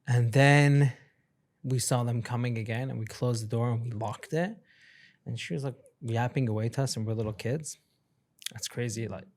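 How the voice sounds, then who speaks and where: Animated man telling childhood stories. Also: medium pitch. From Sweden. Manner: animated storytelling, laughs often. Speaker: guest. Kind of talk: casual interview chat.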